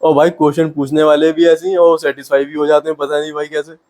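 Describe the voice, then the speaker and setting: A man's voice: on the high side, flat delivery, fast, a little mellow. A young man giving comic reaction commentary in a casual, amused, disbelieving way, often laughing. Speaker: reaction video host.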